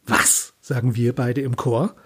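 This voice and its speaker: A man's voice: fairly high pitch, lively intonation, normal speed, husky. A man narrating a first-person story in a wry, speculative way.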